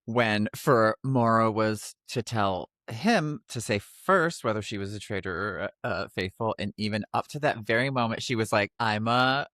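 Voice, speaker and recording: A man's voice: fairly low pitch, normal speed, few pauses, fairly bright tone, dry recording, clean studio sound. Blunt, casual podcast man. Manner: conversational, blunt, swears casually. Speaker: podcast co-host. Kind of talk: casual reality TV recap chat.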